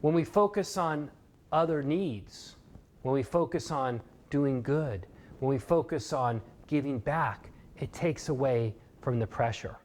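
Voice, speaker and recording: A motivational speaker giving a course lecture tells a fable in an earnest, emphatic storytelling style. His voice is mid-range and unhurried.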